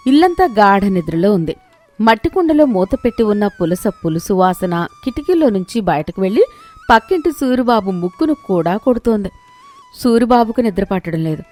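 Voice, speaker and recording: Woman narrating a storybook cartoon. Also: medium pitch. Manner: steady, clear storytelling.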